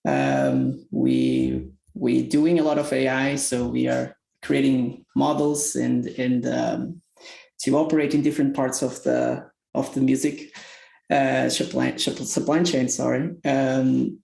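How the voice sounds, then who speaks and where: Man with a gravelly voice. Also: medium pitch, slow, warm tone. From Portugal. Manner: earnest, searching for words in English. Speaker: tech company executive guest. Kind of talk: podcast interview. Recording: roomy echoey sound.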